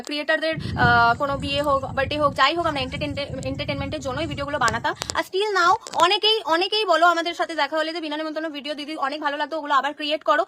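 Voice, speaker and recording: A young woman talks fast and freely on a live stream from her home, answering viewers' comments as she goes. Her voice sits high. The recording is noisy, with vehicles passing outside. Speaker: content creator on a live stream. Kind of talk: casual live-stream chat. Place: at home, in front of a painted wall.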